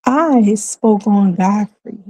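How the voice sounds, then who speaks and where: Slow, deliberate woman with a mellow voice. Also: medium pitch, no echo, poor audio. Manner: deliberate, emphatic, repeats phrases for emphasis. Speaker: commentary vlogger. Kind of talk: casual monologue commentary.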